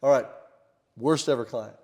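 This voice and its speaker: Man, podcast host, warm dark tone, playful teasing, casual interview. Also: mid-range voice. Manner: playful, teasing, quick reactions.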